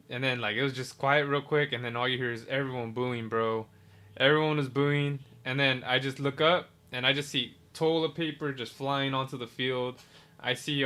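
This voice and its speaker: A man's voice: mid-range voice, clear, resonant tone. A man hosting a podcast, telling stories in casual chat, acting out quotes and laughing, with some swearing. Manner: animated storyteller, laughs through retold quotes, swears. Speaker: podcast host.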